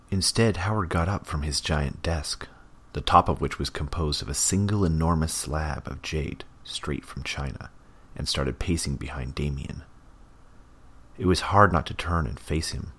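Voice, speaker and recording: A man narrating an audiobook in a measured, even way. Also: rumbling low, husky.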